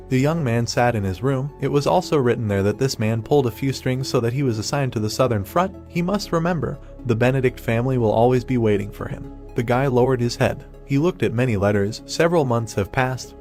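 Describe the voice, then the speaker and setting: A man giving a scripted narration of a comic's story as a recap narrator, in a steady storytelling manner. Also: medium pitch.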